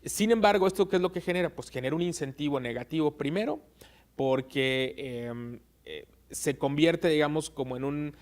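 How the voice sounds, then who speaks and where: A man being interviewed as an expert on election law, explaining at a measured pace with frequent "eh" pauses. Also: fairly high pitch.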